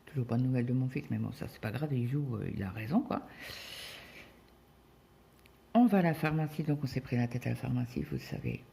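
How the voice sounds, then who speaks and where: Middle-aged woman, crafting vlogger, mellow chatty storyteller, casual. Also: a bass voice, animated, fairly quick, vocal fry, long pauses, a little hiss or hum. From France. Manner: chatty storytelling, many fillers and quoted dialogue. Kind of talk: casual chat while cross-stitching.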